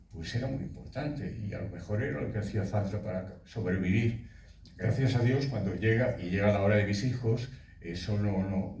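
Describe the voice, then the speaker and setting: A man in his eighties, a voice actor telling stories at a festival talk in a relaxed way. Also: fairly low pitch, slight background noise. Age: 80s. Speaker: voice actor guest. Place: festival hall. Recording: echoey hall, speaker far from mic.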